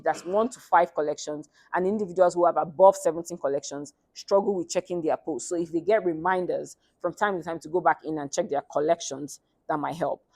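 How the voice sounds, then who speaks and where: Hesitant woman presenting research, lowish voice. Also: dry recording. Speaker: student presenting research at a thesis defense. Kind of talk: academic presentation, semi-scripted.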